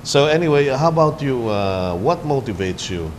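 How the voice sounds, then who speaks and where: A man's voice: mid-range voice, animated, moderate pace, background noise. A man from the Philippines hosting a cable TV interview, chatty and joking, with many fillers. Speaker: TV talk show host.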